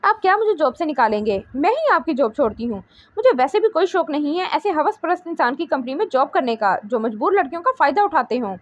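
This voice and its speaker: A woman's voice: sits high, very animated, quick pace, highs cut off. A woman reading the lines of a proud young woman who answers sharply and indignantly.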